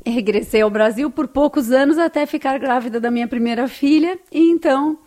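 A Brazilian woman speaks fairly fast in a high register, her tone somewhat dark and her accent Brazilian Portuguese. As a guest in an interview, she shares her story warmly and conversationally.

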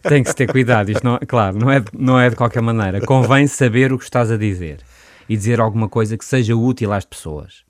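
A man with a European Portuguese accent, explaining ideas in a calm, measured way on a podcast. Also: medium pitch. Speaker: podcast author and guest commentator. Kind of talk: casual explanatory chat.

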